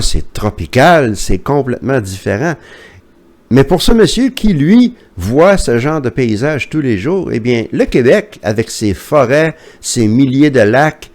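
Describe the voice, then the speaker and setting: Québécois man, mid-pitched and expressive, casual commentary, hesitant chatty delivery. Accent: Québécois French. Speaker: YouTuber reading viewer comments.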